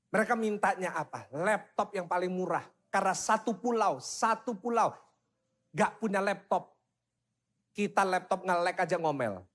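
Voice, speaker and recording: A young man preaching a lively youth sermon, joking and teasing the crowd and calling for them to answer back. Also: sits high. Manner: jokey and self-mocking, teasing the crowd. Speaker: youth pastor. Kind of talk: lively youth sermon with audience call-and-response.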